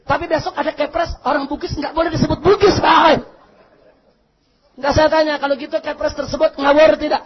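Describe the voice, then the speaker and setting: A man preaching a fiery sermon to a congregation, shouting questions for the crowd to answer and turning calm and measured for prayers. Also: very high-pitched. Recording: muffled lo-fi recording.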